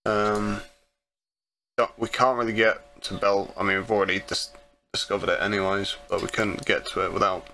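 A man's voice: on the low side, pushed and bright, a little hiss or hum. A young man chatting casually and rambling through a driving game while hosting friends. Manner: rambling, easygoing, swears casually. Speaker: gaming channel host. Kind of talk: casual gameplay chat with friends. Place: home room at a desk.

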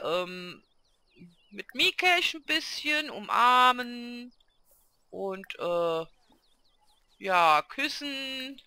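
A woman's voice: fairly high pitch, bright, forceful tone, no room sound. A woman casually commenting on her own gameplay, chatty and coaxing, talking to her game characters like children. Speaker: let's play gamer.

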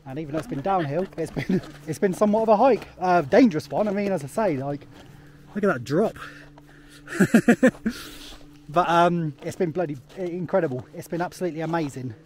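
Man in his thirties vlogging on a hike, fairly high voice, rambly chat, faint wind outside. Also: a little fast, a little mellow. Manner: rambling, chatty, laughs often, many fillers. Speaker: travel vlogger. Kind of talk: casual vlog chat while hiking. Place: snowy mountain path outdoors. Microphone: camera held at arm's length.

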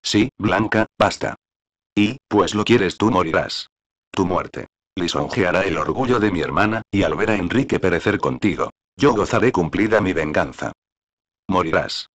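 A man reading the part of a cruel, scheming nobleman in a play, in slow, solemn verse. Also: low-pitched, expressive, a bit bright. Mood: menacing.

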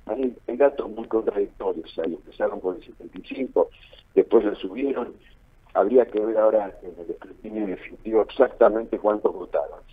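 Over a muffled, phone-like line, a man with an Argentine accent discusses politics on the radio in a husky, lowish voice at a fairly quick clip. He repeats phrases for emphasis.

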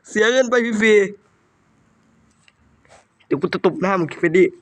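A young man with a cold and a runny nose, giving loud, profane commentary on a horror game, swearing and yelling at the ghosts. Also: high-pitched, lively intonation, normal speed. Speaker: gaming YouTuber playing a horror game. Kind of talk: profane live gameplay commentary.

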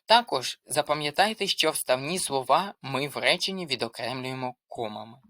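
A tutor walks through a grammar lesson in a bright, forceful voice, listing examples one after another in a steady, methodical way. The sound is dry and close, with no room echo. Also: medium pitch, moderate pace. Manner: methodical, reading out lists of examples. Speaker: language tutor. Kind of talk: explanatory lesson.

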